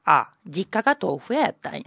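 A woman's voice: lowish voice, very animated, fairly quick, creaky, a bit bright, husky, no echo, clean studio sound, pitched below the performer's own voice, heavily acted. Woman doing a bluffing know-it-all Kansai elder. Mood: storytelling. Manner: condescending, bluffing, storytelling. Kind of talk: rakugo storytelling.

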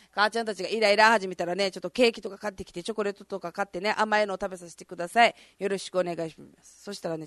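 A woman with a hoarse, gravelly voice, hosting a casual, chatty live radio show and talking to her listeners. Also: medium pitch, fairly bright tone, no echo, studio quality. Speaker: radio host. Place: radio studio, live broadcast.

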